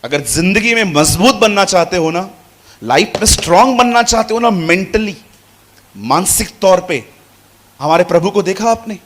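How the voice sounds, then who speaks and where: A man preaching a sermon to a congregation, shifting between quiet asides and loud, animated calls. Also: high-pitched, moderate pace. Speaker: pastor. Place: church hall with congregation.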